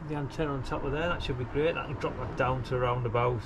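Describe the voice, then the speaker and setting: Speaking fast in a medium-pitched voice with fairly even intonation, a middle-aged amateur radio hobbyist demonstrates a DIY task beside a brick house wall. His casual chat rambles as he thinks aloud, relaxed and colloquial. The outdoor recording picks up ambient traffic noise.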